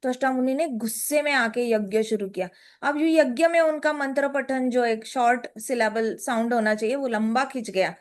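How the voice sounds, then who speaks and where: Brief: woman, high pitch, playful religious storyteller mixing in english. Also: moderate pace. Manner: lively, playful, mixes in English phrases. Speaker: storyteller of scripture.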